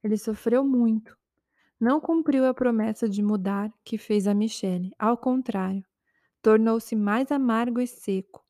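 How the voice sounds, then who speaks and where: A woman narrating a dramatic story in a calm, measured way. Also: fairly high pitch, no echo, studio quality.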